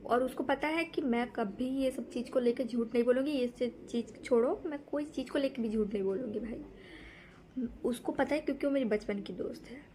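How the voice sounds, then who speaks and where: A woman's voice: on the high side, moderate pace, warm tone, slight background noise. A young woman telling a frightening true story in a casual, rambling way, often repeating herself and restarting sentences.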